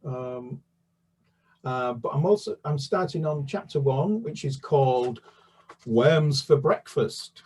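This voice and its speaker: Speaking in a mid-range voice with a breathy edge, this man from the United Kingdom writes children's books. His talk about them is full of restarts and fillers, but once he starts reading a chapter aloud his delivery turns steady.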